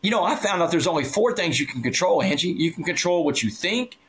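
A man's voice: sits high, expressive, a little fast, a bit bright. A man on a podcast as a guest speaker, telling his story in earnest and acting out the dialogue he quotes. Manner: earnest, acts out quoted dialogue, addresses host by name. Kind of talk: storytelling in a conversational interview.

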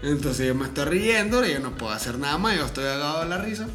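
A man's voice: a little high, animated, fast talker, a bit bright. A man, co-hosting a podcast and telling anecdotes in casual chat, laughing often. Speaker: podcast co-host. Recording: echoey room with faint music.

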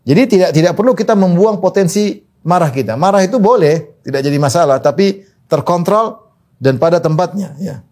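Male preacher, slightly high voice, emphatic, repeats key points, swings pitch widely. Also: a little fast, a little mellow. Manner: quotes Arabic scripture, emphatic repetition, pitch swings widely. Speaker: Islamic preacher. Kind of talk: religious lecture.

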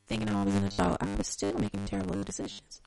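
A young adult man co-hosting a podcast, an expressive storyteller in casual chat. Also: lowish voice, fast, soft background music, low-quality recording. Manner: expressive storyteller, acts out quoted voices. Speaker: podcast co-host.

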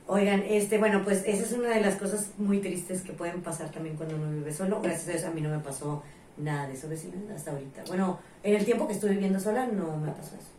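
A Mexican woman co-hosting a casual podcast chat, expressive, laughing easily and reacting with exclamations. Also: lowish voice, fast talker, slight background noise. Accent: Mexican Spanish. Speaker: co-host. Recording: roomy echo, distant mic.

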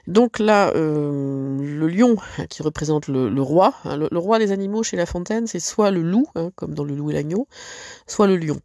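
A teacher gives a recorded lesson, reading a fable and then explaining it in loose, conversational asides. The voice is mid-pitched with a gravelly rasp. The recording is dry and close. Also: a little mellow, no echo. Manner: conversational, with many fillers and asides. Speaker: French literature teacher.

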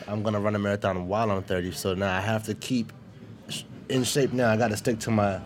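A man in his late twenties hosting a podcast, chatting casually with quick restarts and repeated words. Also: on the low side, steady tone. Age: 20s. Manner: fast, repetitive restarts, friendly. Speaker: podcast host. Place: event space.

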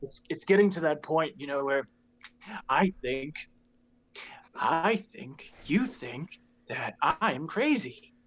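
A man playing an eerie, calm masked metal-band chieftain, speaking formally in a measured way and dropping into sinister whispers. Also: a little high, heavily acted, rough recording. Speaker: band member in persona.

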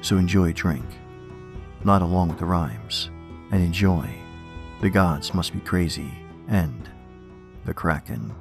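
A man hosting a horror podcast, reading scripted stories and poems in a measured, theatrical manner. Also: sits low, lively intonation, vocal fry, faint music behind.

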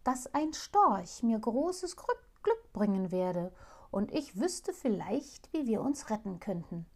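A woman's voice: on the high side, very animated, slow, heavily acted. A woman voicing a sad, enchanted princess who lives as an owl, speaking plaintively and formally in a fairy tale reading. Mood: hopeful pleading. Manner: plaintive, gentle, old-fashioned formal speech. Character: sorrowful enchanted princess turned owl, female.

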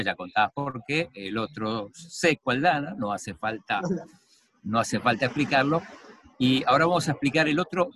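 A man's voice: medium pitch, a bit bright. Chatty man telling an interview anecdote. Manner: chatty, many fillers and restarts. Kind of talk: casual interview storytelling.

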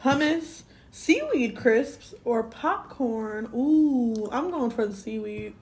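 Young woman co-hosting a podcast, high voice, slow easy talk, laughs a lot, swears casually. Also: animated, darkish tone. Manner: laid-back, laughs often, swears casually. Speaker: podcast co-host. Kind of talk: casual chat.

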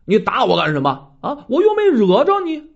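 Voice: mid-range voice, huge pitch swings, normal speed, vocal fry, dull audio, heavily acted. A storyteller voicing an indignant, tipsy young male scholar who blusters.

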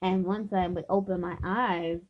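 A woman's voice: fairly low pitch, fairly even intonation, unhurried, slight background noise. Woman retelling a personal story, lo-fi. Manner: earnest and emphatic, repeating herself. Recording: dull lo-fi recording.

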